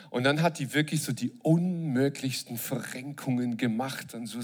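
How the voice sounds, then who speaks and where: A man preaching a sermon to a live congregation, joking and asking the audience questions. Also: medium pitch. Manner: lively, jokes and asks the audience questions.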